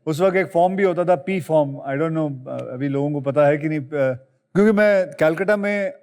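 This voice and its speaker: A fairly high-voiced middle-aged man tells a story on a chat show with lively, animated energy. His voice carries a long reverb from the studio set. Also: normal speed. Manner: animated storyteller, rising high when excited. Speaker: guest.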